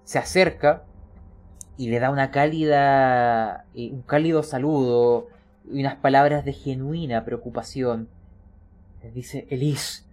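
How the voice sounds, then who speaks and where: A man runs a tabletop game as game master. He narrates and explains each scene, pausing often to check that his players follow. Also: medium pitch, fairly even intonation, darkish tone. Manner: explanatory, frequent checking questions.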